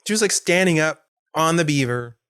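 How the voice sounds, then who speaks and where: A man's voice: fairly high pitch, expressive, moderate pace, a bit bright, clear, resonant tone, no room sound, clean studio sound. A man hosting a podcast, rambling with enthusiasm about a concert and laughing often. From Florida. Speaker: podcast host. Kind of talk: casual solo podcast monologue.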